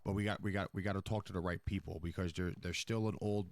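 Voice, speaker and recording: A role-play streamer improvises a profane mafia boss, rambling conversationally as he explains how the crew's hierarchy works. His voice is low, steady and darkish, he talks fast, and there's no echo.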